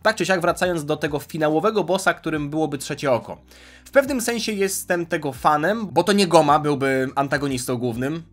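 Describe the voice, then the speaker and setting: Chatty man with soft music behind. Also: medium pitch. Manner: chatty and analytical, weighing fan theories aloud. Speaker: YouTube commentator on anime. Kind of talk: casual video commentary.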